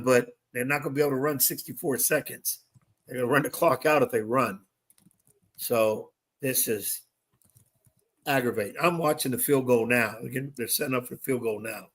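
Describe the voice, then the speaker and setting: Nervous co-host and coach, a man with a bright, forceful voice. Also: medium pitch. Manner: nervous, ribbing, talks in restarts. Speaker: sports talk co-host and coach. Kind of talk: live game-watch commentary chat.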